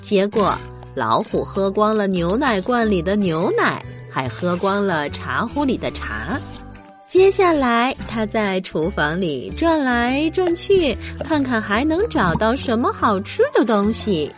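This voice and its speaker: A woman's voice: medium pitch, unhurried, soft background music. A woman hosting a children's bedtime story show, narrating expressively as if speaking straight to young listeners. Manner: expressive, addresses children with questions.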